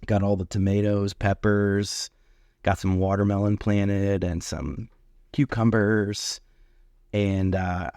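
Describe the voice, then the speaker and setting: Slightly hoarse, raspy-voiced male podcast host. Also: on the low side, little pitch movement, slow pace, a little mellow, no echo, clean studio sound. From Central Ohio. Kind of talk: casual podcast chat.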